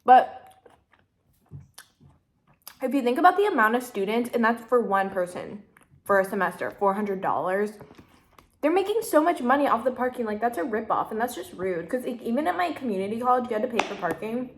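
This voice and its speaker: A woman's voice: fairly high pitch, very animated, brisk. A young woman in her twenties chats on and on while she eats, full of "like" and "literally." Her talk is loose and meandering, and now and then she speaks around a mouthful of food. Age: 20s. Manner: chatty, rambling, heavy use of "like" and "literally". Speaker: vlogger. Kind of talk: casual mukbang chat.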